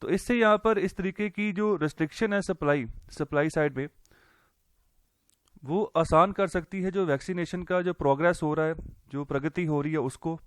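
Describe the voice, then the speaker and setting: Clear and resonant, this man's fairly high voice moves at a moderate pace as he discusses a newspaper editorial in a relaxed economics class. There's no echo, and his conversational explanation is full of fillers and English words.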